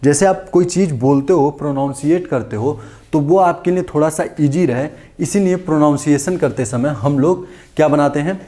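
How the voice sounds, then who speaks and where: A man's voice: fairly high pitch, moderate pace, dark tone. A male teacher giving an exam-prep English grammar lesson, repeating points and asking and answering his own questions. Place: classroom-style video lesson.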